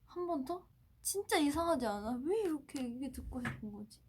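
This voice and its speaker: A woman in her twenties hosting a casual livestream, chatting playfully with fans and often dropping to a hushed tone. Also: high-pitched, expressive, a little fast, slight background noise. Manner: playful, often drops to a soft hush. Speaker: idol livestream host. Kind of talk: casual livestream chat, answering fan comments.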